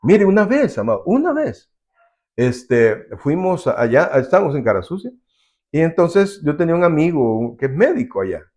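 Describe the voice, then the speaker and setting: A man's voice: fairly high pitch, big pitch swings, moderate pace, darkish tone. A man preaching a sermon as pastor, earnestly, acting out the voices of the people in his stories.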